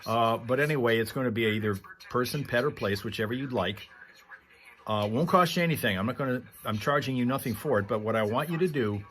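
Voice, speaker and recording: A man's voice: mid-range voice, brisk, a bit bright. A man hosting a livestream, chatting casually to viewers in a rambling, conversational storytelling manner. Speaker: livestream host. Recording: clear background noise.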